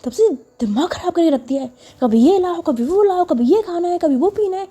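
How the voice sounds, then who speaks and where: A woman's voice: high voice, moderate pace, dark tone. A woman voicing an angry young woman who scolds and threatens.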